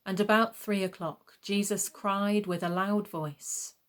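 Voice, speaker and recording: A woman reading a scripted gospel narration in a measured, solemn manner. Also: mid-range voice, steady tone.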